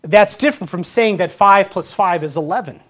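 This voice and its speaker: A pastor in his fifties preaches a sermon in an earnest, conversational manner, full of rhetorical questions and small restarts. His voice is high and a bit bright, at a normal speed.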